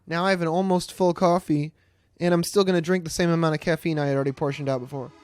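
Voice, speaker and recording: Fast and smooth, with a darkish tone and fairly even intonation, a fairly high-voiced man in his late twenties hosts a game stream. He rambles through casual commentary, swearing freely and mocking himself.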